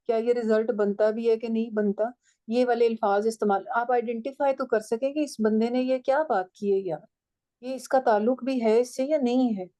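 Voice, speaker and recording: A woman's voice: fairly high pitch, mellow, rough recording. A woman teaching a writing and language class, explaining step by step and checking that her students follow.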